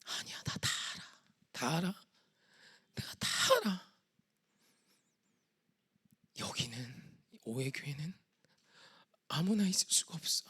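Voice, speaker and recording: A man voicing God as a fatherly figure, speaking in a hushed whisper within a sermon. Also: fairly high pitch, animated, slow, pauses often, breathy edge, exaggerated voice. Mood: tender.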